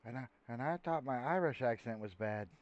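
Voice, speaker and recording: A man trades wisecracks during a roleplay game in a middle-pitched voice. His mic sounds dull and lo-fi. The sound is completely dry, with no room. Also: animated, brisk, no room sound. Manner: wisecracking, jokey asides.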